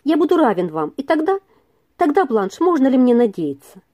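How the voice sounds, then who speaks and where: A woman reading aloud and voicing a gentle young man who speaks earnestly and with trembling feeling. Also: high voice, sing-song, normal speed, pitched above the performer's own voice. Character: gentle young male tutor in love.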